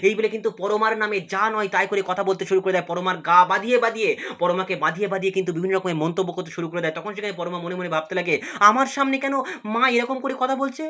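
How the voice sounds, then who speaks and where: Brief: serial review host, male, hurried recap narration with fillers, bright tone. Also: high-pitched, steady tone. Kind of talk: rapid episode recap narration.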